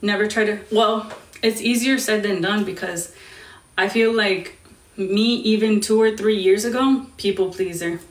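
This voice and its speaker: A woman's voice: medium pitch, fairly even intonation, unhurried, far from the mic. Chatty bilingual young woman, roomy room. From Indiana, US Midwest. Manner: switches between English and Spanish mid-sentence; chatty, answers viewer questions. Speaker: TikTok live streamer. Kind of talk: casual live-stream chat. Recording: roomy sound from off-mic.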